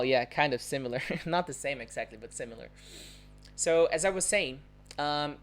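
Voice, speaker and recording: Teacher who keeps asking "right?". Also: medium pitch. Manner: keeps checking in with "right?" and demonstrates sounds. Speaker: Portuguese teacher. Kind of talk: live online language lesson. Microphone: phone or laptop mic on a livestream.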